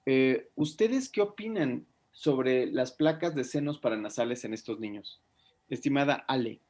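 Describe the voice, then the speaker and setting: Man, medical teacher, lively and questioning, lots of fillers. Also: mid-range voice, a little slow. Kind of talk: online class discussion.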